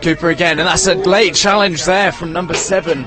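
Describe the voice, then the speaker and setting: A man's voice: a little high, steady tone, fairly quick, over music. A man commentating live on a football match from an outdoor ground. He talks in a chatty, running way and often corrects himself when he gets player names wrong.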